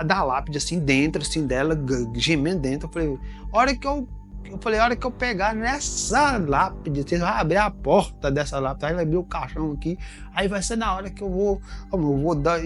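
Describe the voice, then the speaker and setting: A man with a Brazilian accent casually telling a comic story, rambling and halting, with many restarts and repeated words. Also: on the high side.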